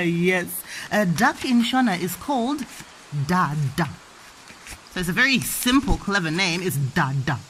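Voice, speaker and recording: A woman's voice: on the low side, expressive, takes it slowly, fairly bright tone, a little hiss or hum. A young woman giving a playful children's language lesson as a mother, with encouraging, sing-song questions and repetition. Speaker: mother teaching her toddler.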